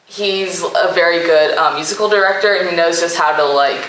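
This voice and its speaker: A woman's voice: lowish voice, moderate pace, a bit bright, slight background noise. A young woman being interviewed about her show, talking hesitantly with many fillers and shy laughs. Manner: hesitant, lots of "um" and "like", laughs shyly. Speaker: guest, cast member. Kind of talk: casual interview. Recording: echoey room, mic at a distance.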